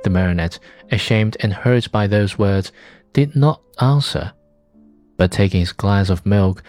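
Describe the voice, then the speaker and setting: A man reads a classic storybook aloud in a low, mellow voice. His narration is calm and even, with soft music playing faintly behind him. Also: unhurried. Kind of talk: storybook reading.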